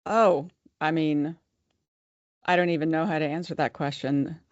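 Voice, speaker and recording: A thoughtful, measured woman from the United States speaks as a guest in a podcast interview. Her low-pitched voice is smooth and resonant with fairly even intonation, recorded close and dry with no echo and a slightly dull tone.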